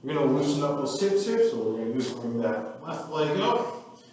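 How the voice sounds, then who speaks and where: A man leading a guided movement workout, calmly counting reps and cueing stretches with the odd joking aside. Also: a little high, normal speed, slight background noise. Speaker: fitness instructor. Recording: echoey room from far off with faint ambience.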